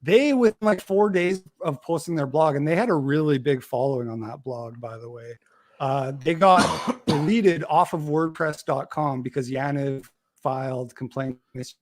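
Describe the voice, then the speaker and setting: Higher-pitched man, insistent and combative debater. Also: normal speed, darkish tone, no echo. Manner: insistent, combative, repeats himself. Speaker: debate participant. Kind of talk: argumentative online debate. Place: online voice call.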